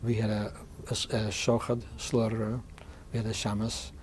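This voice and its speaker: A man in his sixties from Hungary, giving oral history testimony in a halting way, often restarting and repeating words. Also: fairly low pitch, flat delivery, a little mellow, a little hiss or hum. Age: 60s. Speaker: interviewee.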